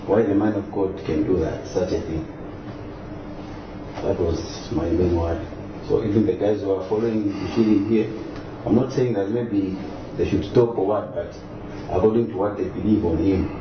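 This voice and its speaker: A man's voice: low voice, steady tone, normal speed. A man answering interview questions hesitantly, with many fillers. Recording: distant, echoey, noisy lo-fi.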